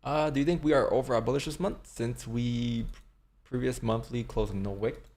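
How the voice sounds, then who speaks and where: A man in his twenties, a day trader on a livestream, chats casually and answers questions from chat, laid-back and swearing now and then. His medium-pitched voice has a darkish tone, fairly even intonation and a moderate pace.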